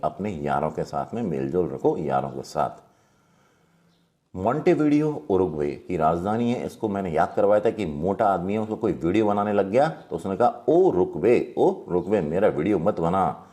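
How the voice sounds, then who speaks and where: A man, teaching general-knowledge memory tricks in a lively storytelling way. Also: sits low. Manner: lively, storytelling, acts out little quotes.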